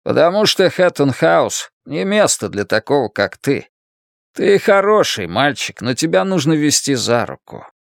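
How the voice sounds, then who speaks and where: A man reading an audiobook, voicing a gruff older farm boss who speaks bluntly and haltingly. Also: a little high, big pitch swings, no echo, clean studio sound, heavily acted.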